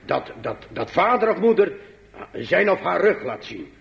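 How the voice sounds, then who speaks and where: A man preaching to his congregation, slow and emphatic, swinging between high pleading passages and low quiet asides. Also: very animated, vocal fry, muffled recording, slight background noise. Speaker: pastor. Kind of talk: sermon.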